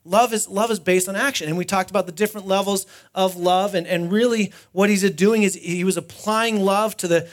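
Pastor, man with a high voice, conversational sermon at a pulpit microphone. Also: steady tone, fairly quick, hardly any pauses. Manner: conversational preaching with rhetorical questions.

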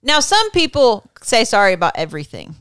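Teasing woman co-host, lively pitch, smooth voice, dry sound. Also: a little fast, no room sound. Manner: playful, teasing, laughs often. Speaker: podcast co-host. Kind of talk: casual chat.

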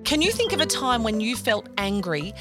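High, animated woman hosting for children. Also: normal speed, faint music behind. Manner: gushing, encouraging, sing-song kid-friendly delivery. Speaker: host of a children's podcast. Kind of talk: talking to young children, guided feelings exercise.

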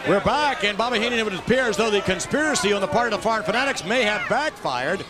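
Male wrestling broadcast host, emphatic announcer style, very high voice, loud music bed. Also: lively intonation, quick pace. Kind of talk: TV wrestling commentary and promotion.

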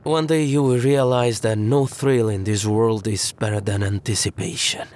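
A man voicing a suave, low-voiced mobster. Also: steady tone, moderate pace, a little mellow, natural voice. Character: smooth, self-assured crime-family man.

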